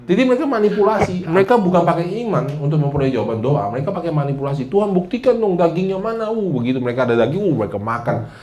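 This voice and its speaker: A man preaching a sermon as pastor, lively and joking, acting out the prayers he quotes and often addressing his listeners directly. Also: a little high, very fast.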